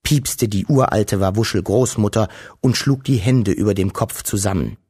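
Guy reading a kids' story out loud, gentle, kinda husky. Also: lowish voice, moderate pace. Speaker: narrator.

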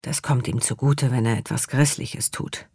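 A woman voicing a cheerful, teasing young man with a lively questioning tone, in an audiobook reading. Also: low voice, normal speed, no room sound, clean studio sound.

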